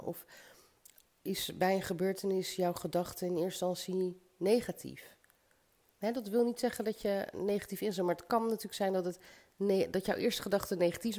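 Fairly low in pitch and dark in tone, this woman's voice is a bit nasal from a slight cold. As a podcast host, she gives a motivational self-help monologue, cheering on the listener directly.

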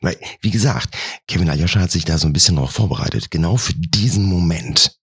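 A man tells a comic story in a wry tone and slips into the characters' voices. His voice is very low and strongly husky. The recording is dry and close, with no room around it. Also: expressive, a little fast, dry recording. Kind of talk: comedic storytelling.

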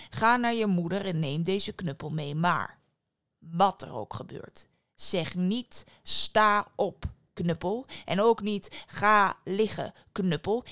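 A woman's voice: mid-range voice, a bit bright, no room sound, clean studio sound. A woman doing a patient, kindly giant. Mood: stern. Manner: slow, patient instructions. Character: kind, ugly giant. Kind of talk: storybook voice acting.

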